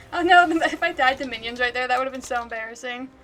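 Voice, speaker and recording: A woman's voice: high-pitched, a little fast, very noisy. A woman livestreamer giving chatty, giggly gaming commentary, laughing often.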